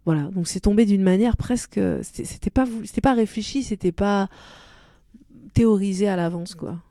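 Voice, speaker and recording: This mid-range female voice moves at a moderate pace with a mellow quality, recorded with clean studio sound and no room echo. An Arabic-speaking singer-songwriter, she reflects on her music in a laid-back interview chat, frequently starting over as she hunts for the phrasing she wants.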